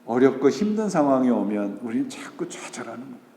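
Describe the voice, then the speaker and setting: Echoey, lively preaching man. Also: medium pitch, brisk, a little hiss or hum. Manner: mixes English words into Korean preaching; asks rhetorical questions and answers them. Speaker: pastor. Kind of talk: Sunday sermon. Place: church sanctuary. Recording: echoey church hall.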